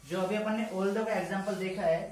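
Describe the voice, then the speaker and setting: A man teaching grammar, talking slowly and deliberately, dictating example sentences word by word and often checking that the class follows. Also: sits high, fairly even intonation, a little mellow. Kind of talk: explaining grammar in a lesson. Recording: echoey room, far from the mic, faint ambient noise.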